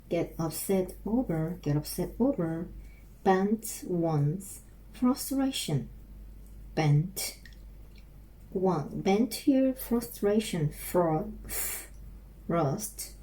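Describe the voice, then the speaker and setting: A middle-aged woman with a Korean accent, practicing English phrases aloud, repeating each one slowly with frequent restarts. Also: lowish voice, animated, warm tone. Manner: slow, repeats phrases over and over, halting with restarts. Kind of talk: self-recorded English speaking practice.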